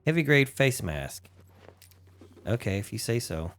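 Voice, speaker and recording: A man's voice: medium pitch, big pitch swings, a little slow, fairly bright tone, a little hiss or hum. A man doing casual gameplay commentary as a streamer, playful and theatrical, talking to himself and to his audience. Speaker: gaming streamer.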